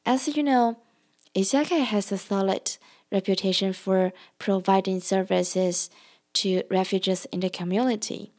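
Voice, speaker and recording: A woman who is an English language student, reading a scripted narration in a careful, measured way. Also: mid-range voice, a little mellow.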